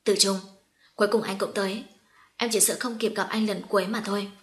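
A woman reading the lines of a gravely ill young woman who pleads urgently and faintly. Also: medium pitch, steady tone, brisk, fairly bright tone, natural voice. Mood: weak pleading.

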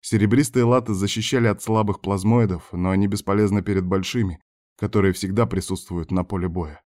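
A man with a low voice reading an audiobook aloud. His narration is steady and measured. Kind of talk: scripted narration.

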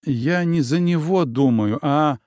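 A man voicing a sharp, suspicious young woman necromancer in an audiobook, with an insistent, prickly way of talking. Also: on the high side, slow pace, no echo, studio quality, voice pushed up. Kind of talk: audiobook character voice.

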